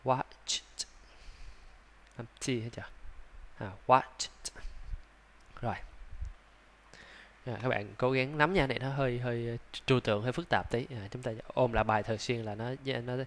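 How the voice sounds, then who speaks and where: A man with a Vietnamese accent teaching English pronunciation, sounding out words slowly, repeating them and adding chatty asides. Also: medium pitch, fairly even intonation. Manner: breaks into soft laughs and chatty asides. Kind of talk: slow, drawn-out pronunciation lesson.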